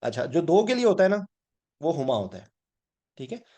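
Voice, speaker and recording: A man's voice: fairly high pitch, very animated, moderate pace, dark tone. A man teaching a weekly Quran class, patiently explaining grammar and often checking "ठीक है?" as he mixes in English words.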